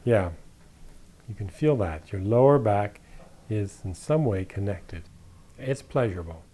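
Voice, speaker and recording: A man leading a guided body-awareness session, speaking slowly and gently, echoing back what the other person says. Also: fairly low pitch, animated. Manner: slow, gentle, reflecting back the other's words. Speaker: focusing guide.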